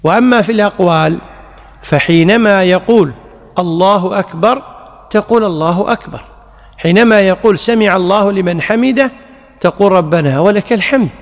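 High-voiced man in a reverberant hall. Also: fairly quick. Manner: explanatory, repeats key phrases, recites examples. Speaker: Islamic scholar answering questions. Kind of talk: religious Q&A lecture.

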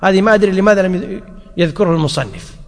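A man's voice: sits high, fast talker. A man teaching grammar to a class. He repeats his points and keeps checking whether his listeners follow. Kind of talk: classroom lecture. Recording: long reverb of a large hall.

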